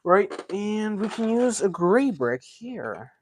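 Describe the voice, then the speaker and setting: A man's voice: high voice, sing-song, slow, a little hiss or hum. A man hosting a casual live stream, chatting and thinking aloud as he builds, a self-described yapper. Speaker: livestream host.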